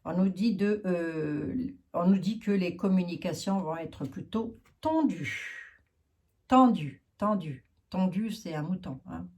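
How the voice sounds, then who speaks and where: A woman's voice: lowish voice, measured pace, mellow. A woman with a Lorraine French accent, reading cards and chatting frankly while thinking aloud with many fillers. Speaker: card reader. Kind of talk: casual card reading monologue.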